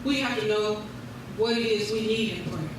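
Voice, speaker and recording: A woman's voice: mid-range voice, normal speed. A woman preaching a revival sermon in declarative, repeated phrases, punctuated with praise. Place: large indoor room at a church service. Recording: echoey church hall, distant mic, noisy.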